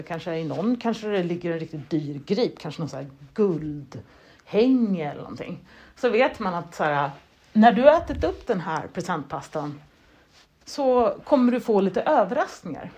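A woman's voice: fairly low pitch, a little mellow, slightly rough. A chatty woman rambling in a loose, casual monologue. She drifts between thoughts, restarts her sentences and mocks herself as she acts out what goes on in her head. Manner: chatty, self-deprecating, loses her thread; frequent fillers and restarts, acts out inner thoughts.

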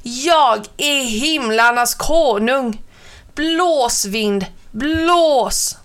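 A woman voicing a boastful runaway towel who shouts and brags in a high voice. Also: animated. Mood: outraged. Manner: shouting, bragging.

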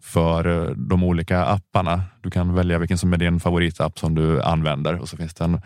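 A man's voice: low voice, completely flat delivery, a little mellow, clear, resonant tone, no room sound, studio quality. A man hosting a podcast in casual conversation, often hesitating and repeating words as he thinks, then reading a subscription promo. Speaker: podcast host.

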